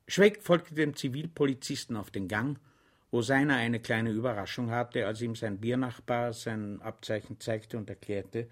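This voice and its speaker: Man reading an audiobook, measured and wry. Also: medium pitch. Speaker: narrator. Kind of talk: scripted audiobook narration.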